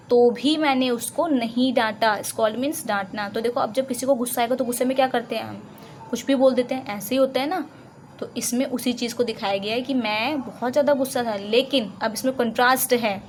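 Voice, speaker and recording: A fairly high-voiced woman with an Indian accent teaches English conjunctions, explaining in Hindi. She reads each English example slowly and deliberately, then asks and answers her own questions. A faint hiss sits under the recording. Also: poor audio.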